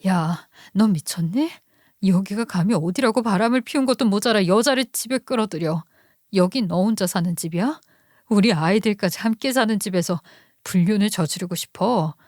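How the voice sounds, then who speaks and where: Furious betrayed wife, played by the narrator. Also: female voice, mid-range voice, moderate pace, dry recording, studio quality, natural voice. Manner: sharp, cursing, indignant. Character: furious betrayed wife, woman with two children.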